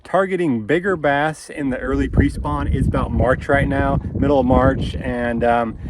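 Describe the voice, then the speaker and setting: A man's voice: medium pitch, fairly even intonation, normal speed, very noisy. A man in his thirties chatting casually and instructively as a fishing vlogger, out on a boat on a lake. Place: outdoors on a boat on a windy lake.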